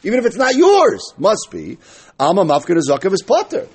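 A man's voice: high-pitched, huge pitch swings, moderate pace, darkish tone, slightly rough. A man with teaching a Talmud lesson, reading phrases and explaining them as he asks and answers his own questions. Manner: argumentative, asking questions and answering them himself.

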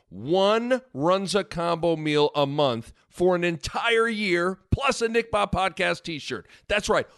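A man's voice: high-pitched, a bit bright, no echo, studio quality. A man hosting a podcast reads an ad in an upbeat promotional announcer delivery. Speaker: podcast host. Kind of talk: podcast ad read.

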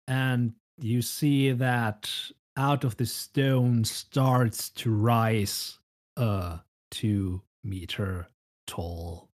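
A male game master narrates a tabletop adventure in an unhurried, descriptive way. He takes his time, with a steady mid-range pitch.

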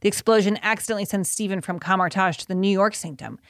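A woman's voice: mid-range voice, quick pace, no room sound. A young woman co-hosting a casual podcast, recapping a movie in a giggly, rambling way full of "like". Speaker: co-host.

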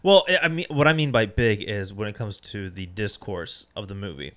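Low-voiced man with a sharp tone. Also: lively intonation, normal speed. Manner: hesitant, many fillers, restarts thoughts. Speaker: podcast co-host. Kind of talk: casual film discussion.

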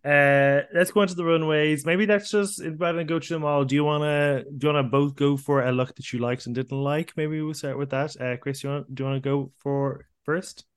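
A man's voice: on the high side, steady tone, fairly quick, hardly any pauses, clean tone. A man hosting a podcast, upbeat and steering the chat with questions. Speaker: podcast host. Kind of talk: casual chat.

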